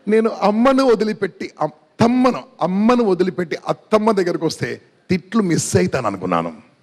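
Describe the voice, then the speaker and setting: Male speaker playing a young wife, teasingly sweet, high-pitched, quoted inside a seminar talk. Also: sing-song, fairly quick, long reverb tail. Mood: mock-sweet. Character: young married woman answering her mother-in-law sweetly.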